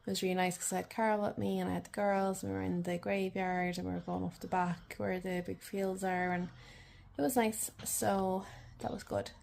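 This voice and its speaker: A woman's voice: mid-range voice, level tone, moderate pace, creaky, darkish tone, a little hiss or hum. A young adult woman with an Irish accent, chatting casually and in a rambling way, as in a video diary. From Ireland. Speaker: vlogger.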